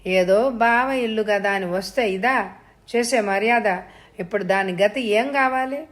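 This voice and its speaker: A woman voicing an older father who loudly wails and laments over his daughter. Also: high-pitched, a little slow. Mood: wailing. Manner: wailing, loud lament. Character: wailing older father, loud and theatrical.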